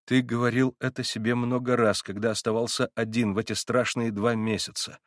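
A gentle, devout young man pleading quietly and earnestly, as a male reader voices him. Slow, hushed delivery in a dry, close recording. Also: mid-range voice, little pitch movement, no echo, close to an everyday voice.

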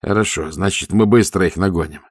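A man's voice: sits low, fairly quick, slightly rough, dry recording, studio quality. Man doing a stern stubborn watch commander. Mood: commanding. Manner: curt commanding.

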